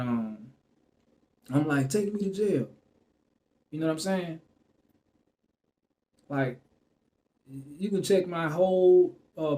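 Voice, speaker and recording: A man's voice: fairly high pitch, darkish tone. A man telling a personal story to the camera in a loose, rambling way, full of fillers and restarts. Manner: loose and rambling, full of "you know what I'm saying" and fillers; restarts and trails off mid-sentence.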